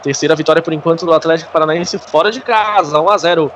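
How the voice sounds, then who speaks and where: High-voiced Brazilian male football commentator. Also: quick pace, fairly bright tone, slight background noise. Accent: Brazilian Portuguese. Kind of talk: live football play-by-play.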